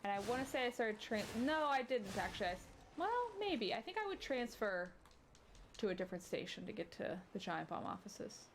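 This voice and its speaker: A woman with a fairly quick, very animated voice on the high side hosts a let's play, chatting casually in rambling asides and letting out sudden startled yelps. Game music plays beneath her voice, along with a little hiss or hum.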